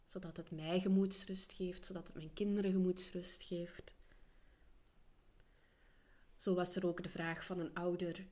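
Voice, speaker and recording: A Flemish woman hosts a solo podcast while she is ill, so her weakened voice keeps slipping into a whisper. She speaks calmly and earnestly in a fairly low register, pausing to think. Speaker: podcast host and coach for separated parents.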